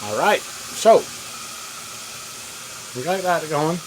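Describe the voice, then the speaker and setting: Frying fish in a camper kitchen with a propane cooker, a cooking vlogger chats in a folksy, casual way, sometimes with his mouth full. His voice is a little high, expressive, and slow. The casual vlog is a noisy home video full of frying sounds and boiling water.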